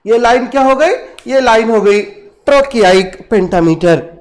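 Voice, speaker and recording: A man teaching English literature for exam preparation, reciting verse slowly and quizzing his students. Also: extremely high pitch, expressive. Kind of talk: exam-prep lecture in Hindi and English.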